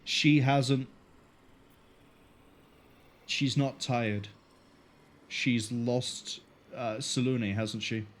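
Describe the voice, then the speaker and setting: A man's voice: medium pitch, fairly even intonation, extremely slow, long pauses. A man streaming a video game, casually thinking aloud with fillers. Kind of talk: live game commentary.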